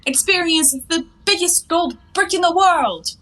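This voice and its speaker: In a theatrical 1920s stage comedy, a young woman plays a cheeky, carefree bathing beauty lounging in her bath. Her high, slightly bright voice moves at a normal speed, airy and teasing, full of mock-grand phrasing, with a flippant, carefree mood.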